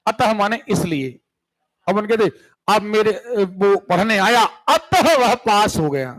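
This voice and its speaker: Man, Hindi grammar teacher, very high voice, slow deliberate pace, central Indian Hindi accent, keeps checking that students follow. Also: animated, fairly bright tone, low-quality recording. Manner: keeps checking the class with "clear hai?" and "sun rahe ho?". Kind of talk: classroom lecture.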